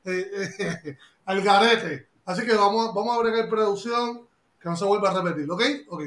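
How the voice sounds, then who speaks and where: A brash man hosts a casual podcast, joking around in heavy slang. His voice sits high and bright. The room around him is echoey. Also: moderate pace, a little hiss or hum. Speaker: podcast host.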